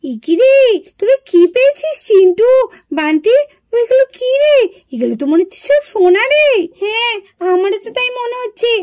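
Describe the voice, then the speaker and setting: Woman voicing chattering high cartoon village girls. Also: lively intonation, normal speed, a little mellow. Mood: curious. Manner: chattering, gossipy. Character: curious, scheming village girls. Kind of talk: puppet cartoon voice acting.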